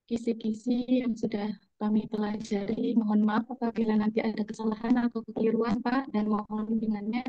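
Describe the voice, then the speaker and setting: A woman taking an oral exam and giving a polite, measured presentation with a few hesitations, her voice breaking up and glitching over a video call. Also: fairly high pitch, level tone, mellow, no room sound. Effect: choppy, breaking-up video-call audio. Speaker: teacher candidate in an oral exam. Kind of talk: formal spoken presentation. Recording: dull lo-fi video-call audio, dry.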